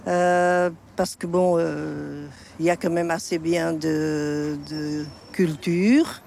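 A woman's voice: low-pitched, fairly even intonation, takes it slowly, creaky, darkish tone, slight background noise. An older woman of Portuguese origin answering interview questions in a frank, plain-spoken way. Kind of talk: street interview.

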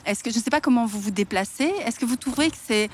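A woman interviewer with a slightly high voice fires off probing questions at a quick clip. She keeps the conversation moving, and a faint hiss of noise lies under her voice.

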